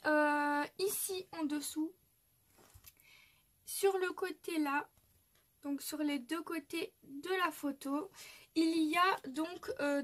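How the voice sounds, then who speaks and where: A woman's voice: high voice, fairly bright tone. A young woman from France chatting through a craft tutorial, full of fillers and little restarts. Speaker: craft youtuber.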